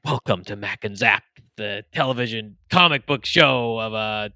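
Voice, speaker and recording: A man's voice: on the low side, normal speed, bright, forceful tone, dry recording, clean studio sound. A man co-hosting a podcast, chatting jokily and reading out a comedy script, laughing and restarting lines. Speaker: podcast co-host. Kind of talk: casual chat and script reading.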